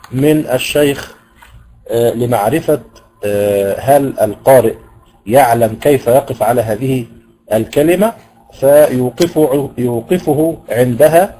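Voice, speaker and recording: Man, Egyptian accent, lecturer, mellow voice, deliberate explanations, hesitant fillers. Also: medium pitch, rough recording. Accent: Egyptian Arabic. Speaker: teacher of Quranic recitation. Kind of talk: university lecture.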